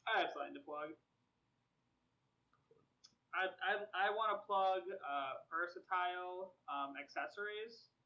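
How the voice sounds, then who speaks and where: A man co-hosting a gaming podcast, cracking dry, deadpan jokes and stumbling over restarts. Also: high voice, a little slow, long pauses. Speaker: podcast co-host. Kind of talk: casual gaming podcast chat. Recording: dull lo-fi mic with faint noise.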